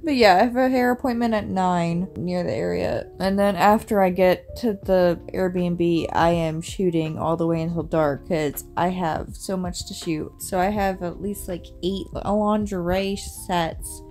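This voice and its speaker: A woman's voice: on the low side, steady tone, a little slow, few pauses, darkish tone, faint music behind. Sleepy young woman vlogging on her phone. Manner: tired, rambling, full of fillers. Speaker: content creator. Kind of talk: casual vlog talk to camera. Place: bedroom, then a small rental house indoors. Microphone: phone held at arm's length.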